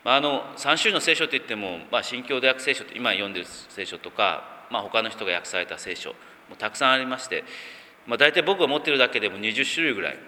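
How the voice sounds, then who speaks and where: A man, a pastor, reading scripture in a measured way and then talking informally with many fillers. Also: medium pitch, lively intonation, sharp tone, slight background noise. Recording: long reverb.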